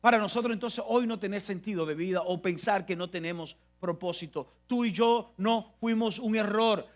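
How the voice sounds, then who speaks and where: High-voiced man preaching emphatically. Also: a bit bright. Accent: Dominican Spanish. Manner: emphatic and repetitive, with frequent restarts. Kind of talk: sermon.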